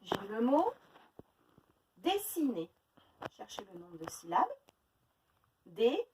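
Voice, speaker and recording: A woman teaching a phonics lesson to young children, sounding out words slowly syllable by syllable. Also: on the high side, big pitch swings, distant mic. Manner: slow, exaggerated syllable-by-syllable pronunciation. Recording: faint noise, voice a little off-mic.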